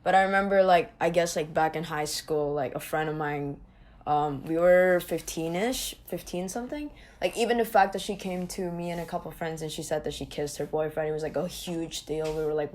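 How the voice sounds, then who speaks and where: Young female guest from Indonesia, slightly low voice, casual and hesitant. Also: steady tone, fairly quick, darkish tone. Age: young adult. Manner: hesitant, many restarts and likes. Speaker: podcast guest. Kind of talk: casual podcast chat.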